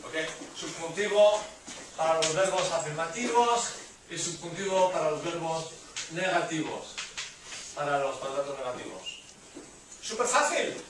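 A man's voice: on the high side, lively intonation, normal speed, noisy background. A man teaching a university language class, drilling phrases with emphatic repetition and playful exclamations, recorded in a classroom from a distant camera. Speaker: Spanish teacher. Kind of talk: classroom lecture. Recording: very echoey classroom from far off.

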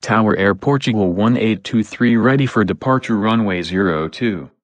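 A man's voice: on the low side, normal speed. A man making clipped, procedural pilot radio calls in a flight simulation.

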